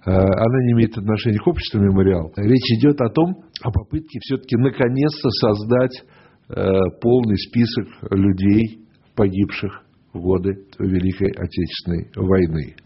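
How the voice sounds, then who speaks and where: Husky-voiced male radio host. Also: fairly low pitch, moderate pace. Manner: leisurely, searching for words, interjects. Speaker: radio talk show host. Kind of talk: conversational radio interview. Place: radio studio. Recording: dull lo-fi radio broadcast.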